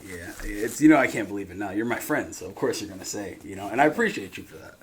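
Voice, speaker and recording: Fast-paced and lively in intonation, this fairly low male voice belongs to the host of a reaction video, recorded with clear background noise. He rambles through casual reaction chat, joking around and using plenty of slang.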